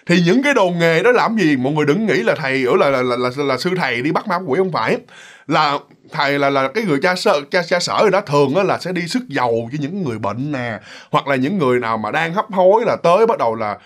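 Man; casual, rambling ghost-story narrator. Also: a little high. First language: Vietnamese. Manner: chatty, many fillers and restarts.

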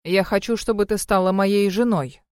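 Тётя читает за холодного босса-демона, ровно и коротко, запись сухая. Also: female voice, medium pitch, moderate pace, smooth, no room sound, clean studio sound, natural voice. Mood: cold. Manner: flat, curt, commanding. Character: cold, stern male chaos spirit boss. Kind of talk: audiobook reading.

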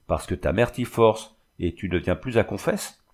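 A man voicing a kindly, gently firm village priest who coaxes and scolds like a father, in a storybook reading. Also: fairly low pitch, animated, normal speed. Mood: coaxing. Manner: coaxing, paternal scolding.

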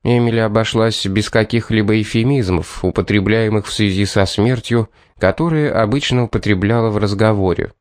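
A man narrating an audiobook as a reader, with an even, steady delivery. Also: fairly low pitch, fairly quick, few pauses, clean tone, no echo, clean studio sound. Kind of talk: scripted narration.

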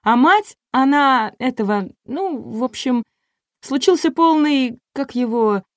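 A woman's voice: high-pitched, lively intonation, slow pace, no room sound, studio quality, pitched above the performer's own voice. A woman voicing a brash, crude young female pop singer in an audiobook, with coarse slangy outbursts. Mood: crude, flustered. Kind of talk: audiobook reading.

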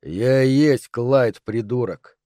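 A man voicing a menacing male thug with a split personality, gruff and contemptuous. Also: mid-range voice, takes it slowly, mellow, no echo, clean studio sound, natural voice.

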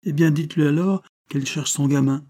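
A man's voice: medium pitch, animated, moderate pace, dark tone, voice pushed up. A man reading an audiobook, voicing a shrewd, sly older farmer who talks bluntly and teasingly in a raised voice.

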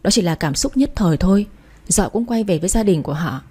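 A woman's voice: on the low side, expressive, fast, dark tone, slightly rough. Woman reading as a stern scheming mother-in-law. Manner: lecturing, warning tone.

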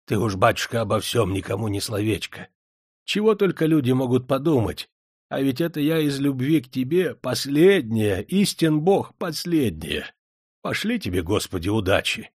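A man's voice: mid-range voice, moderate pace, no room sound, close to an everyday voice. A fawning old clerk put on by a man wheedles and pleads in a raised, cringing voice. He is timid yet cunning. The sound is dry and close. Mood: wheedling. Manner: wheedling, ingratiating.

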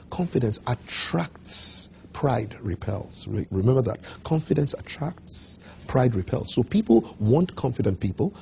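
A man's voice: mid-range voice, dark tone, a little hiss or hum. A man giving an emphatic coaching talk as a motivational speaker, repeating his key points.

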